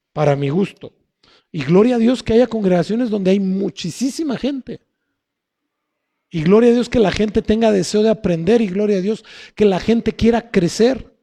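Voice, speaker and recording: A male pastor preaching a sermon slowly and emphatically, asking rhetorical questions and answering them. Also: high-pitched, dark tone. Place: church hall. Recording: long hall reverb.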